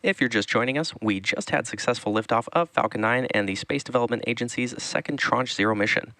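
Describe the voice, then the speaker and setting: A man giving live explanatory launch commentary as a webcast host, measured and informative. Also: medium pitch, sharp tone, no echo.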